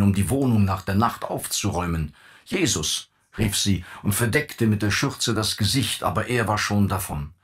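Brief: low-voiced male narrator reading literary prose, steady and measured. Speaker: audiobook narrator.

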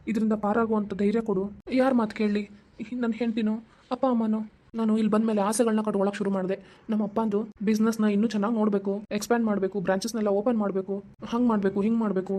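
Woman voicing a torn young husband in a cartoon, north karnataka kannada accent, fast talker, mellow voice. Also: mid-range voice, natural voice. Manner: soothing, worried, self-questioning. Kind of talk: cartoon voice acting.

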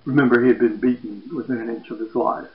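A man preaching, retelling a scripture story slowly and dramatically. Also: medium pitch. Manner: slow, dramatic retelling, lively quoted voices. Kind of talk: sermon narration of scripture. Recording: echoey, dull sound.

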